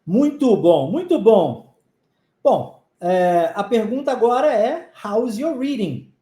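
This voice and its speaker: A teacher whose first language is Portuguese leads a live online English lesson in a mellow, dark voice. Phrases are drilled slowly and repeated, with frequent quick check-ins to the learners. The room is echoey. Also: mid-range voice, expressive.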